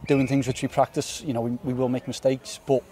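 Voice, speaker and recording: A young man in his twenties, a footballer giving a post-match interview outdoors on a floodlit pitch at night, earnest and repeating words as he thinks. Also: little pitch movement, brisk, dark tone. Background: faint outdoor stadium ambience.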